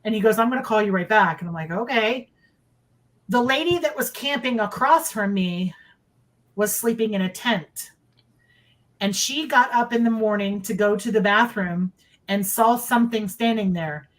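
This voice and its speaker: A woman's voice: mid-range voice, moderate pace, poor audio. A middle-aged woman tells a personal story in a casual, conversational way. She is emphatic and repeats phrases for effect. She speaks from indoors over a video call. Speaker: guest recounting sightings.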